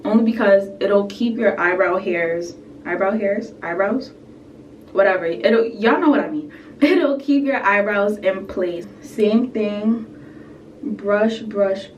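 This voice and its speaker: A woman's voice: medium pitch, slow pace, far from the mic, muffled recording, slight background noise. Young female beauty vlogger, loose filler-heavy chat, slightly under the weather, recorded from across a reverberant room. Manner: chatty, filler-heavy, frequent "like" and asides. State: a bit sick. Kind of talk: casual makeup tutorial chat. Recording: roomy echo, set back from the mic.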